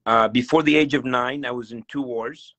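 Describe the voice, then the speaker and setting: A man's voice: medium pitch, fairly even intonation, moderate pace, a bit bright, dull audio. A man from El Salvador telling his story on a video call, cheerful and laughing often, with lots of fillers and restarts. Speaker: guest real estate investor. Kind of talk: casual video call interview.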